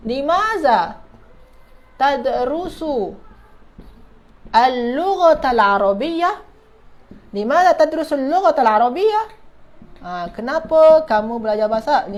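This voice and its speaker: A woman with a Malaysian Malay accent teaching an Arabic class online, saying example phrases slowly and repeating them while quizzing her students. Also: high voice, a little mellow.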